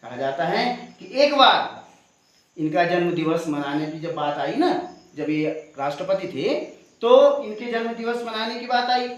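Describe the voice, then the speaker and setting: Man, high voice, teacher at a school assembly, asks the audience questions, very echoey hall. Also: lively intonation, measured pace, fairly bright tone. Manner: keeps asking the audience questions and adding a tag question. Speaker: teacher speaking at a school event.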